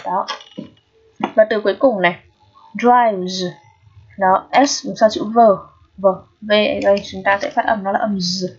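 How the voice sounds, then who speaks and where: A patient woman teacher walks students through an exam review, repeating words slowly and checking in often. Her voice is a little husky, and the recording sounds dull and lo-fi. She speaks at a middling pitch. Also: steady tone. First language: Vietnamese. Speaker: English teacher.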